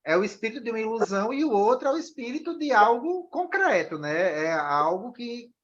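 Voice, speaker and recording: A man's voice: extremely high pitch, big pitch swings, brisk, a bit bright, highs cut off. A man moderating a discussion after a film screening, talking with many restarts and "né?" tags.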